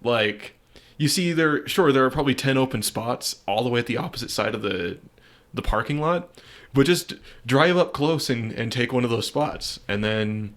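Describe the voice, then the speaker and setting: A man's voice: mid-range voice, expressive, normal speed, a bit bright. A young man co-hosting a podcast in casual chat, rambling and hesitant, often trailing off into mumbles. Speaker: podcast co-host. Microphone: podcast microphone.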